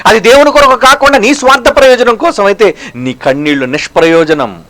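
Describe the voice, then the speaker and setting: A man preaching a sermon as a pastor, firing rhetorical questions at the listeners. He slows down for emphasis and swings between loud and hushed. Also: high-pitched.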